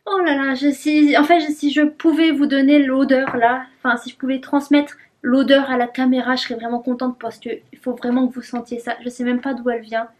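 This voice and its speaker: A woman's voice: sits high, level tone, brisk, few pauses, a little mellow. A young woman chatting casually in a vlog at her desk at home, giggly and talking to herself as she unboxes things. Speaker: vlogger.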